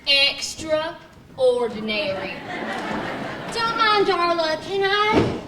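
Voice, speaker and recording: Give me a young woman acting a flippant hard-drinking staffer, very high and bright, far off in a roomy hall. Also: big pitch swings, takes it slowly, crowd noise, noisy background, exaggerated voice. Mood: wry. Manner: wry, theatrical. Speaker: actor. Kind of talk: stage acting. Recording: roomy stage from far off, faint clicks.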